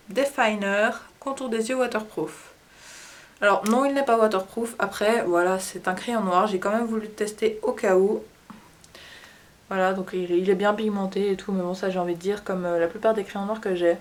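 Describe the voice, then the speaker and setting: A woman with a Swiss French accent, chatting casually through a makeup haul and often pausing to search for words. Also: mid-range voice. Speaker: beauty vlogger. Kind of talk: casual product haul chat.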